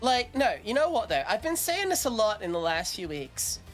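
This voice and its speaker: A woman's voice: fairly high pitch, big pitch swings, normal speed, faint music behind. A woman from the United Kingdom, rambling sarcastically and swearing while commenting on a game stream.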